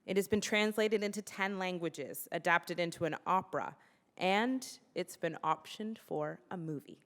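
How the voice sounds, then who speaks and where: A woman's voice: on the low side, normal speed, slight background noise. Enthusiastic woman in a reverberant hall. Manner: enthusiastic, warm, laughing asides. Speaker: interviewer. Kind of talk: hosting an author talk. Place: public library event hall.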